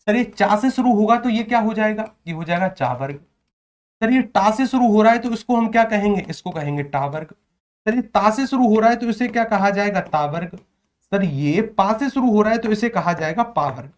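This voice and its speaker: A man teaching an exam prep lesson on Hindi sounds. He fires questions at his students and answers them himself, repeating each point. He sounds out letters one by one, slowly and drawn out. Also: high-pitched.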